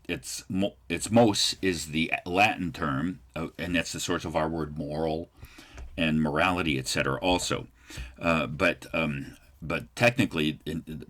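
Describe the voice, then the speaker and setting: A man with a very deep American voice delivers a recorded political science lecture. He wanders through his points with many fillers and restarts, like a teacher talking without a script.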